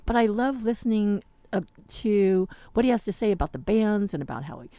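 Hosting a radio show from the studio, an American woman chats informally with a guest in a casual interview. Her mid-range voice is expressive, brisk and mellow, and the recording is dry.

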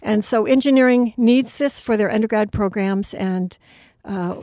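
A woman's voice: mid-range voice, moderate pace, warm tone, no room sound. A woman in her sixties from Wyoming, a retiring university administrator chatting upbeat on a radio interview, with frequent fillers. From Wyoming, USA.

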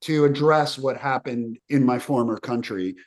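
A man's voice: medium pitch, normal speed, darkish tone. A man from the former Yugoslavia, a film director, answering interview questions in an earnest, reflective, run-on manner.

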